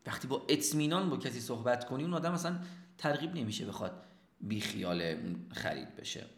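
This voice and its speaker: A man gives a sales lesson in a lively teaching manner. He keeps posing questions and answering them himself. His voice sits at a middle pitch and rings in an echoey room. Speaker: sales trainer. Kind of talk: instructional talk.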